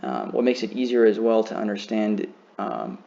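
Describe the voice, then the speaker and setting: Male teacher, low voice, slow careful beginner lesson, muffled recording. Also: sing-song, vocal fry, mellow. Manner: slow, careful demonstration of pronunciation.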